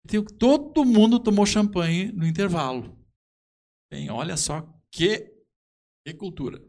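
A man with a southern Brazilian accent, a musician guest in a conversational interview, telling anecdotes in a halting, emphatic way. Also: high-pitched, animated, darkish tone.

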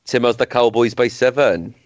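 A man's voice: mid-range voice, moderate pace, no echo, muffled recording. A man hosting a casual sports podcast, leading the segment with frequent restarts. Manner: leads the segment, many restarts. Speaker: podcast host.

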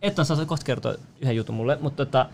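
A man's voice: mid-range voice, creaky, a little mellow, slight background noise. A man in casual chat, boastful and slangy, peppering his talk with filler words. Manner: boastful, slangy, keeps saying "veli" and "tiiätsä". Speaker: rapper.

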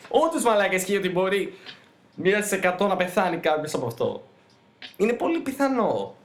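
A man co-hosting a podcast, chatting casually with loose swearing and quick reactions. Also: high voice, sing-song. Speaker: podcast co-host. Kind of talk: casual chat.

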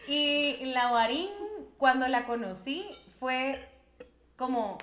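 A woman's voice: high voice, takes it slowly, echoey room, a little hiss or hum. A woman co-hosting a podcast in casual chat, telling stories playfully. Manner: playful, lively storytelling. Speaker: podcast co-host.

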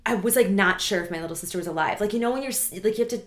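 A woman's voice: medium pitch, very fast, a crowd in the background. A young woman in casual chat, talking loosely with many fillers and laughing easily.

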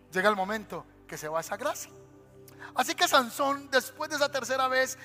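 A man's voice: very high-pitched, sharp tone. A male pastor from Colombia preaching an emphatic sermon and calling for amens from the congregation. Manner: emphatic preaching, calls for amen. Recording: long church reverb, faint music.

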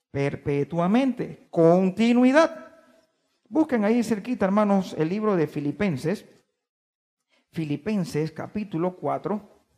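A man preaching a sermon to his congregation, stressing key words by drawing them out slowly and putting questions to his listeners. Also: sits high, a little mellow, in a large hall. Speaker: pastor. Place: church.

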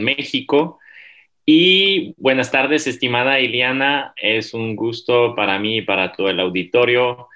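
Courteous man with a bright voice. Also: lowish voice. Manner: courteous, formal, with fillers. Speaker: interviewer, university professor. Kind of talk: formal interview. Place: Monterrey, Mexico.

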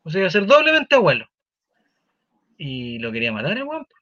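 A Chilean man hosting a casual talk show, animated and swearing as he tells a story. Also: high-pitched, brisk, no echo, muffled recording.

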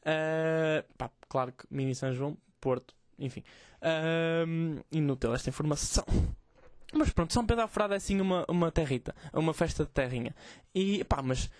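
A young man rambles through a casual comic monologue, swearing freely and poking fun at himself. His voice sits a little high for a man. The sound is dry and close, with no room around it. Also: normal speed, no echo. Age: 20s. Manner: rambling, profane, self-mocking storytelling. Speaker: podcast host.

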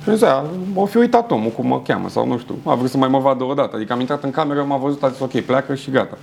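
Bărbat tânăr, voce gravă hârșâită. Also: male voice, mid-range voice, creaky. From Romania. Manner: animated, acts out quoted dialogue. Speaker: guest. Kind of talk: casual storytelling.

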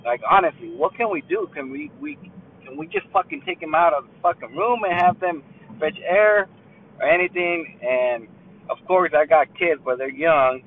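A man's voice: a little high, normal speed. A man calling in to a show, rambling and cursing with lots of "man" fillers. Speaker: caller. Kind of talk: voicemail call-in. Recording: tinny phone line.

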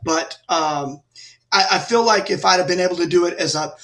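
A high-pitched middle-aged man from Texas, guest on a casual interview. He tells stories with energy, acting out the lines of other people. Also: fairly quick. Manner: animated anecdotes with lively acted-out quotes. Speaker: guest musician.

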